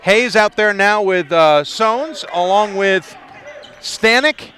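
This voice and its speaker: A man calls a live basketball game from his arena broadcast seat. His voice sits high and rings bright. He chats and laughs easily between plays. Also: lively intonation, slow. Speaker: play-by-play commentator.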